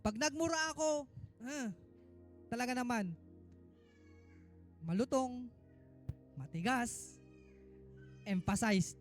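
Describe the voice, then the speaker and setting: High-voiced man preaching a sermon. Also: takes it slowly, pauses often, soft background music. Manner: emphatic preaching, mixing Tagalog and English; rises to loud exhortation, drops to quiet asides. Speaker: minister.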